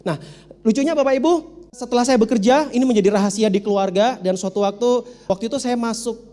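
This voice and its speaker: A man's voice: extremely high pitch, quick pace, dark tone. A man giving a storytelling seminar talk as a motivational speaker, humorous and speaking straight to his audience. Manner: humorous, addresses the audience directly. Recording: reverberant hall.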